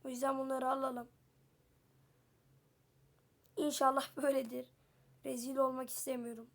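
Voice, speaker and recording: A woman with a high voice runs casual commentary on her game, talking straight to her viewers. She is chatty and exclaims often, and gets flustered when trouble appears. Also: little pitch movement, moderate pace, gravelly. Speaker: gameplay video creator.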